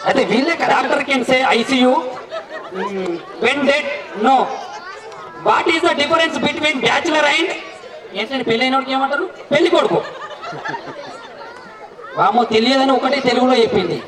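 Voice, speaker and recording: High-voiced teasing man emceeing a wedding. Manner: teasing, playful, coaxing the crowd. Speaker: event emcee. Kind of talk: joking emcee banter with guests. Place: wedding celebration with a crowd. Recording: echoey, distant mic with crowd noise. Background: crowd.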